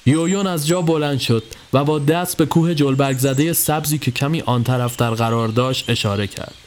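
A man giving a scripted narration of a horror story in a steady storytelling voice. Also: slight background noise. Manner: steady storytelling, dropping low for tense moments. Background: faint music.

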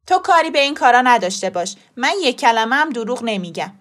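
A woman voicing a bold, scheming old grandmother who talks briskly and emphatically. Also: a little high, lively intonation, a bit bright. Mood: firm.

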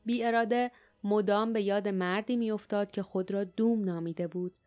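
A woman reading an audiobook aloud, calm and even, with a mid-range voice. Her storytelling is steady and measured. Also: mid-range voice. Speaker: audiobook narrator. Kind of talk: scripted narration.

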